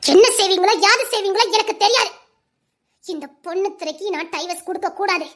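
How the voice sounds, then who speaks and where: A woman's voice: very high voice, fairly quick, a bit bright. A woman playing a gloating vengeful schemer. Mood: scheming. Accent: Tirunelveli Tamil. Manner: gloating, repeats her threats. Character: scheming vengeful woman bent on shaming rival.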